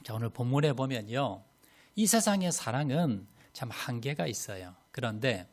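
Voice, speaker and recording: A man as pastor, preaching a Sunday sermon in a church and leading the congregation in readings and greetings. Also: medium pitch. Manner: leads congregation in readings and greetings, lively storytelling. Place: church sanctuary.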